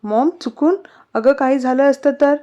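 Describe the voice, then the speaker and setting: Woman reads a protective young husband, quick to scold, a bit muffled. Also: high-pitched, mellow, voice pushed up, lightly acted. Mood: angry. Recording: slightly muffled recording.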